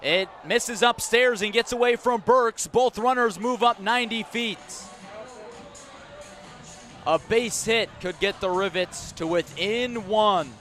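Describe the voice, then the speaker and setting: A bright, high-sitting voice belongs to an American play-by-play man calling baseball live on the radio, taking his time as soft music plays underneath. He tells the action dramatically in short, clipped phrases.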